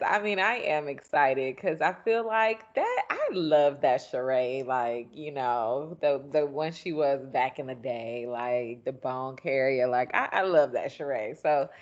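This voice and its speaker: A woman co-hosting a casual chat, agreeing and reacting quickly. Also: a bass voice. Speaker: co-host. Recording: dull lo-fi audio.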